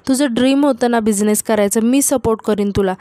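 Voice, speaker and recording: A scheming young wife with a cold, taunting edge that turns to wailing accusation, as a woman recounting a serial reads her lines. The voice sits fairly high and the recording is close and dry. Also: fairly quick, dark tone, no room sound, lightly acted. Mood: accusing lament.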